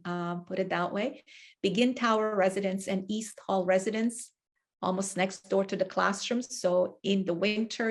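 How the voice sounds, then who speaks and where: A woman recruiter presents a webinar in a mid-range voice. She runs through long lists of services with frequent fillers. Her tone is informative. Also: medium pitch. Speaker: university recruiter.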